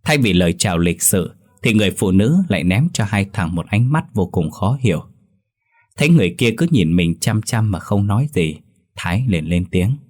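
A man narrating a scripted horror story in a steady, even storytelling voice. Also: on the low side, normal speed.

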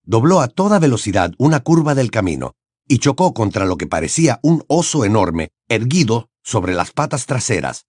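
A man reading a fantasy novel aloud as an expressive audiobook narrator. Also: mid-range voice, normal speed, breathy edge, dry recording, clean studio sound. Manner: expressive storytelling with wide intonation. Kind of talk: scripted narration.

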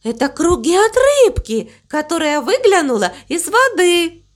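A woman voicing a gentle, calm, motherly cow who speaks softly and tenderly. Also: extremely high pitch, measured pace, pitched above the performer's own voice, exaggerated voice. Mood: soothing. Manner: soft, tender, soothing.

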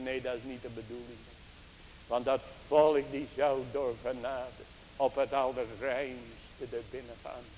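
A man preaching a sermon, slow and emphatic, drawing out his exclamations and speaking straight to the congregation. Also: mid-range voice, a little mellow. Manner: addresses the congregation directly. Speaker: pastor. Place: church. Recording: hissy 1980s church tape with long reverb.

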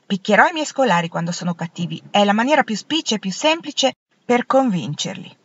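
A woman's voice: medium pitch, very animated, a little fast, a bit bright, breathy edge, no room sound, pitched above the performer's own voice. A woman voicing a blunt, practical young woman teacher who speaks in a firm, matter-of-fact way, in a storybook reading. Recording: dull lo-fi, dry.

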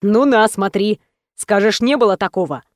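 A woman reading an audiobook and voicing an angry, jealous young man who speaks in curt, gruff, scornful bursts. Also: medium pitch, moderate pace, no room sound, studio quality, close to an everyday voice. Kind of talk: audiobook character voice.

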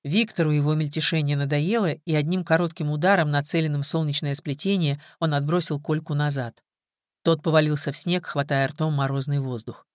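A woman narrating an audiobook with a low voice and a steady, even read. The sound is dry and close to the mic. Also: fairly quick, dry recording. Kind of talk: scripted narration.

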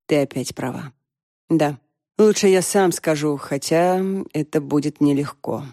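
A woman's voice: low voice, a little slow, dark tone, no echo, studio quality. Woman reading a shaken, guilty middle-aged man. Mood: subdued.

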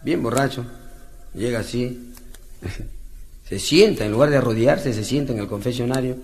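Speaking at normal speed in a medium-pitched, darkish voice, a Peruvian-accented comedian runs through slangy stand-up jokes and chuckles at his own punchlines. Clicks and noise mar the lo-fi recording.

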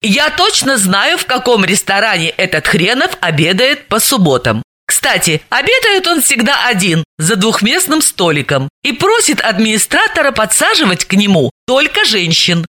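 A woman's voice: fairly high pitch, sing-song, moderate pace, hardly any pauses, bright, forceful tone, pitched above the performer's own voice, heavily acted. Woman reading as a stern scolding woman investigator. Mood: businesslike. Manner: firm and scolding. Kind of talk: audiobook character voice.

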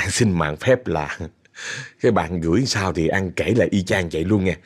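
A man's voice: deep voice, normal speed, breathy edge. A man with a Southern Vietnamese accent narrating a ghost story in a chatty way, talking straight to his listeners. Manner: chatty, addresses listeners directly.

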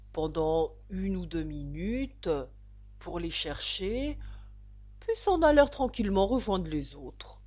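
A woman narrating a classic children's story in an expressive, dramatic reading style. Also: mid-range voice, slightly rough. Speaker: audiobook narrator.

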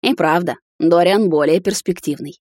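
A woman's voice: on the low side, moderate pace, darkish tone, dry recording, natural voice. A woman voicing a huge, jealous male captain who growls his threats. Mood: menacing.

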